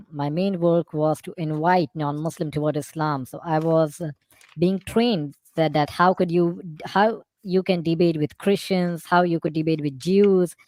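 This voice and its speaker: A man's voice: on the high side, darkish tone, no echo. Man with a voice-changer-disguised voice. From India. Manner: halting, searches for words. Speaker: guest, former Islamic scholar. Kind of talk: live stream interview.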